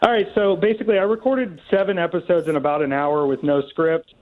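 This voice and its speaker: A man's voice: a little high, fairly even intonation, fairly quick. Self-assured man on a tinny call line. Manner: laid-back and self-assured. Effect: heard through an online call line. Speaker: caller pitching a show. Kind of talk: casual chat.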